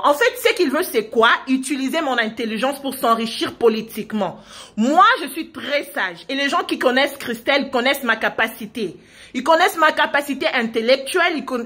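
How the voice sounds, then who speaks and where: A woman's voice: high-pitched, fairly bright tone. A woman making an impassioned public appeal, insistent and repetitive, full of rhetorical questions and stumbling restarts. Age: 20s. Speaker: provincial deputy denouncing her parents.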